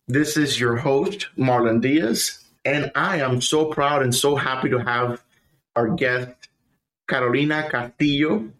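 Male host, mid pitch, eager and welcoming. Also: measured pace, fairly bright tone, low-quality recording. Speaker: podcast host. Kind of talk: casual interview chat.

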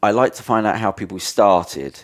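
A man's voice: fairly low pitch, moderate pace. A man hosting a podcast, musing his way through hesitant questions to his guest. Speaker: podcast host. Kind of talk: casual interview chat.

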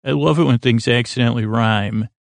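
Speaking a little fast in a creaky, mid-range voice, this sleep podcast host aims to lull listeners while meandering unscripted. He trips over words, drifts off mid-thought, and is softly self-deprecating, with no room sound in the recording.

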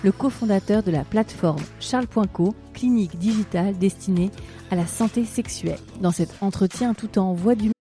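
A woman's voice: mid-range voice, moderate pace, dark tone, soft background music. A woman hosting a podcast, presenting and asking questions in conversation. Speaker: podcast host. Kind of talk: scripted podcast introduction and casual interviewing.

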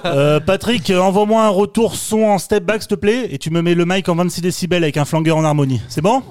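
A man's voice: high-pitched, fairly quick, a little mellow, no room sound, studio quality, close to an everyday voice. A man playing a self-important male karaoke singer who keeps mangling the host's name, in a podcast comedy sketch. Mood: pompous. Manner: pompous, mispronounces the host's name.

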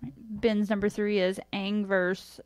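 A woman co-host reading out listener picks in a brisk, matter-of-fact way. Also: mid-range voice, level tone, smooth, no echo. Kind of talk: casual chat.

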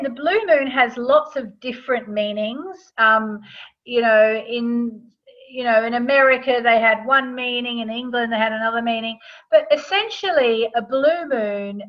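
A woman who writes about astrology is an interview guest, explaining things in a casual, informal, conversational way. Her voice is a little high, and the recording has its highs cut off.

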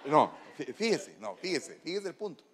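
A man's voice: on the high side, sing-song, moderate pace, a little hiss or hum. A man, preaching to a congregation and teasing them with questions. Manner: playful, teasing, coaxing questions. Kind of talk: interactive sermon with congregation. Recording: long hall reverb.

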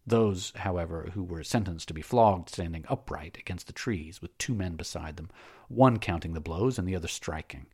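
Male narrator, deep and husky, dramatic measured storytelling. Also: a little mellow. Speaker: audiobook narrator. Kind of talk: scripted narration.

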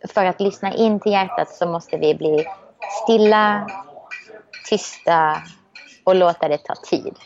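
A woman talking in a relaxed, reflective way, a little hesitant with frequent restarts. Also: on the low side, few pauses, muffled recording, background noise. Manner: reflective and optimistic, many restarts. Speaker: guest. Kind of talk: casual conversation.

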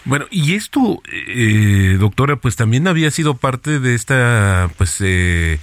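A man's voice: mid-range voice, big pitch swings, unhurried, no echo. A man, a radio interviewer asking long, winding questions with fillers.

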